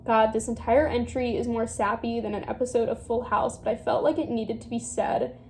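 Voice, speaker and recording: A woman's voice: fairly high pitch, level tone, moderate pace, a little mellow, a little hiss or hum. A young woman reading her old diary aloud in an embarrassed, self-mocking way, with casual, theatrical asides and swearing. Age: young adult. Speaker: vlogger.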